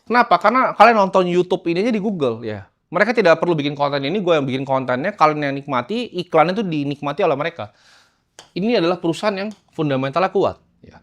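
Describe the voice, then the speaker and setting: Man, fairly high voice, casual investing teacher, chops lines into short bursts. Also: expressive, quick pace, fairly bright tone. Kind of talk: casual lecture over slides.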